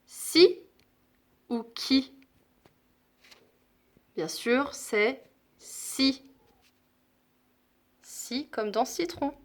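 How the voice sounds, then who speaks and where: A woman teaching a phonics lesson to young children, speaking deliberately and repeating each sound and example word. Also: a little high.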